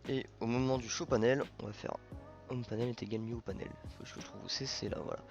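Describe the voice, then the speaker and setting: A man's voice: mid-range voice, steady tone, fast talker, vocal fry, faint music behind. A man hosting a programming tutorial, thinking aloud informally with many fillers and self-corrections. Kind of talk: casual coding screencast narration.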